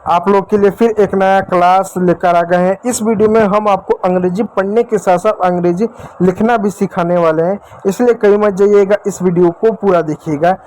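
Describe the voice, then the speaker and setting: A man's voice: high voice, steady tone, normal speed, darkish tone. A man teaching a lesson to children, speaking to them directly and checking in often. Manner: addresses children directly, repeats and checks with "ठीक है". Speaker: English teacher. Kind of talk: classroom-style lesson for children.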